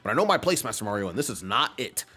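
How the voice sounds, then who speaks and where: A man's voice: on the low side, sing-song, very fast, pushed and bright, husky, heavily acted. A man voicing a fussy old male mushroom butler, throaty, pompous and genteel.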